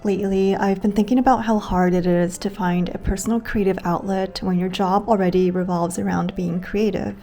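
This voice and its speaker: Relaxed, chatty young woman vlogging at home. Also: medium pitch, moderate pace, hardly any pauses, soft background music. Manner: relaxed and chatty, with light laughs. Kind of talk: casual vlog chat. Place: small apartment kitchen and home.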